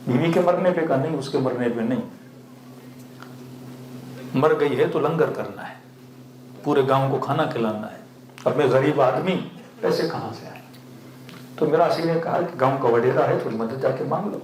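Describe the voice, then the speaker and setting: A man's voice: mid-range voice, long pauses, a little hiss or hum. A male cleric giving a sermon full of stories. He asks the audience questions, answers them himself, and chuckles now and then. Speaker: Shia cleric. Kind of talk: sermon with storytelling. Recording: echoey hall.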